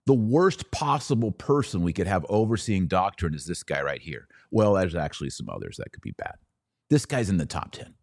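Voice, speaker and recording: He speaks with a low, creaky voice in a sing-song manner at normal speed, recorded in a studio with no room sound. As host of an opinionated podcast, he reads aloud and reacts in a sarcastic, mocking, emphatic way.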